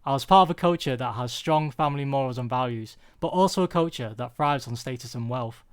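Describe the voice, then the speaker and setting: A young man born in the UK gives a prepared personal talk, earnest and confessional, choosing his phrasing deliberately. His voice is medium-pitched with a clean tone.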